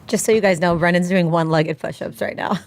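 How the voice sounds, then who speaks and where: A woman's voice: on the low side, fairly even intonation, fast. A woman co-hosting a show in a casual, chatty style.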